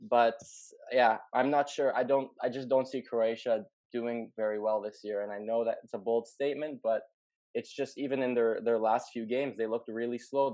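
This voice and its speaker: A man co-hosting a relaxed football discussion, his voice sitting in an ordinary middle pitch. He talks loosely, hedging and thinking his opinions through out loud. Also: no room sound. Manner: chatty, hedging, thinks aloud. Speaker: podcast co-host. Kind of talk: casual sports chat.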